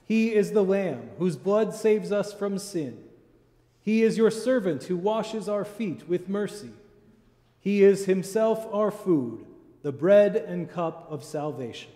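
A man presiding at a eucharistic liturgy, reciting the prayers in a measured, solemn way, his voice carrying a cathedral echo. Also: sits high, lively intonation, mellow. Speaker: presiding minister. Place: large church sanctuary. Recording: echoey church with long reverb.

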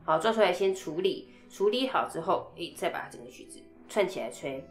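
A woman's voice: on the low side, animated, a little fast. A woman teaching flute technique in a chatty way, breaking down each passage and singing rhythm syllables, with a Taiwanese Mandarin accent. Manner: chatty, explains step by step with sung rhythm syllables. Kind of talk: instrument technique lesson. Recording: echoey room, faint music.

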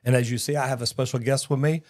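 A man in his sixties hosts a casual live-stream talk show from a studio set, folksy and upbeat, often calling people "man". His mid-range, slightly mellow voice stays steady and moves fast, captured through a broadcast mic on a boom arm.

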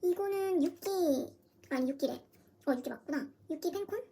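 A young woman vlogging an unboxing at home, gushing excitedly with gasps and squeals. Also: extremely high pitch, normal speed. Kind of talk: casual unboxing chat. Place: home room, dim lighting.

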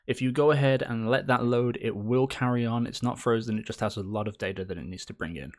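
A man hosts a screen-recorded game engine tutorial, chatty and upbeat, adding playful little cheers. His medium-pitched voice is slightly hoarse from an oncoming cold, and he speaks fast.

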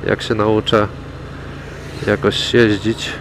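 A man chatting casually to viewers while riding a motorcycle through city traffic, relaxed, with wry remarks about other drivers. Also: on the low side, slow, low-quality recording. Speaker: motovlogger. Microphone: helmet mic. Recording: clear road and engine noise. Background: road and traffic noise.

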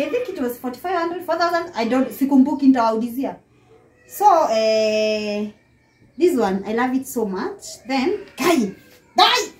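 Holding her phone camera, a young woman with a Kenyan accent walks viewers through her small apartment and out to the balcony. Her voice sits high, and she's lively and casual, laughing often and blending English with Swahili as she speaks directly to the audience.

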